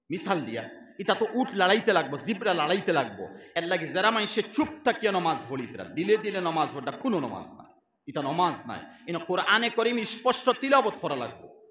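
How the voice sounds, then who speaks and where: A man's voice: high voice, roomy sound. A man with a Sylheti Bengali accent preaching a sermon, telling stories and acting out the voices in them. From Barak Valley, Assam. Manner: animated storytelling, acting out voices in quoted exchanges.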